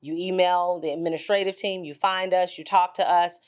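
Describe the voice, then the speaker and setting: A woman speaking as a school administrator, giving students an informal announcement in a firm, emphatic, deliberate way with pauses. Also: on the low side, steady tone.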